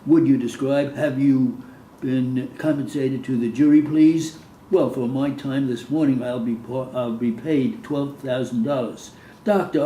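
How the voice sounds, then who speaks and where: A man's voice: medium pitch, warm tone. A man dictating courtroom testimony, reading out the questions, answers and speaker labels from a script. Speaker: reader dictating a court transcript. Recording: roomy echo, faint background noise.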